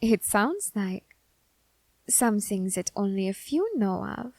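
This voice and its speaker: Whispering softly and slowly, a woman in an ASMR roleplay portrays a curious grim reaper of androgynous character, teasing a demon she holds captive with her questions. Expressive and mid-pitched, her voice comes through without any echo.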